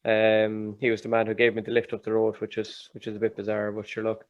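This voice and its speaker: A man's voice: on the low side, completely flat delivery, quick pace, no room sound, muffled recording. An Irish man hosting an interview in a colloquial, informal, chatty way. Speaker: podcast host. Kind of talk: casual interview chat.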